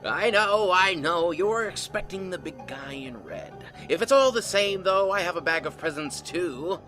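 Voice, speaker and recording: The Joker, manic swooping clown villain. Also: male voice, high-pitched, lively intonation, unhurried, bright, forceful tone, soft background music, full character voice. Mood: playful menace. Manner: taunting, theatrical, mock-friendly, swooping. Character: manic gleeful clown supervillain, sadistic and playful. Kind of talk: comic-book audio drama acting.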